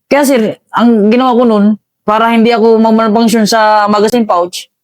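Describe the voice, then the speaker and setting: A man, an army veteran, recounting combat in a casual interview, halting and calling the host "sir" again and again. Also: high voice, flat delivery, dry recording.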